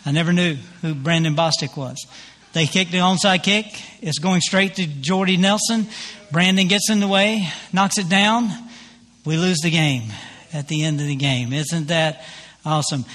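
Brief: male pastor, sermon, slightly high voice, chatty and self-mocking, long church reverb. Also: normal speed, fairly bright tone. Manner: conversational preaching, many fillers and restarts, self-deprecating humor. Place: church sanctuary.

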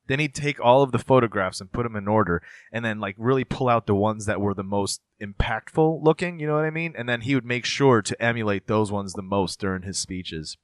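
A man's voice: lowish voice, fairly quick, few pauses, no room sound. A man in his thirties in casual chat, telling long meandering stories and explanations. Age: 30s.

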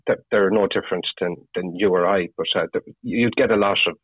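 A man with a west of Ireland, Galway accent telling anecdotes casually, in a husky, rambling, halting way with lots of "you know". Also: low voice. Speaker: fishing guide (gillie) interviewed as guest. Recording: tinny phone-like radio sound, roomy echo.

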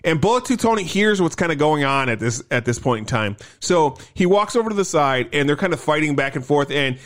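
A man's voice: a little high, fairly quick. A man casually retelling a film's plot, swearing often and acting out lines from the scenes. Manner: profane, animated, acts out movie lines. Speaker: podcast co-host. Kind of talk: casual film recap chat.

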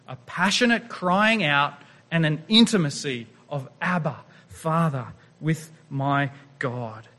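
A man in his thirties preaching a sermon in a church, animated and emphatic, with his voice rising on key points. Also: sits high. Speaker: pastor. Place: church sanctuary. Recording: long reverb of a large church hall.

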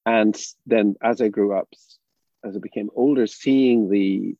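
An older man from Northern Ireland with a Northern Irish accent, speaking as a drama educator in a thoughtful, halting way with many restarts. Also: on the low side, dull audio. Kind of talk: reflective interview talk.

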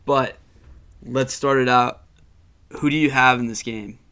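A young man hosting a sports podcast, chatting loosely and profanely. His voice is mid-pitched, and his sentences often fade off quietly. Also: fairly even intonation, measured pace, clear, resonant tone. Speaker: podcast host. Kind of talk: casual sports chat.

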